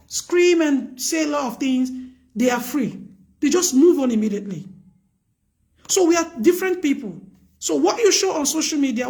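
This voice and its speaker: A woman's high, loud voice carries over a live stream as she gives earnest, emphatic advice. She repeats herself to make her points land, in a tone both casual and preachy.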